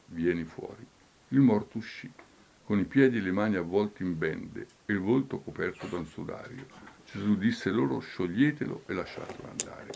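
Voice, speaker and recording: A man, a priest giving a homily who reads scripture, then swings between loud calls and near whispers. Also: fairly low pitch, creaky, a little hiss or hum.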